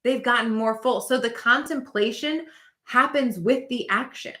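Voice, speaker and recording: A woman in her thirties coaches her listeners in a loose, animated monologue, full of "like" and "you know what I mean". Her voice sits a little high and rings bright and sharp. The room around her is noticeably echoey. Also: normal speed. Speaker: business coach. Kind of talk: casual teaching monologue.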